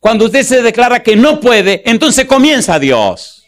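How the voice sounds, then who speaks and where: A male pastor preaching a sermon, slowing down to read scripture and putting rhetorical questions to the congregation. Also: very high-pitched, sing-song. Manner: slows to stress scripture verses.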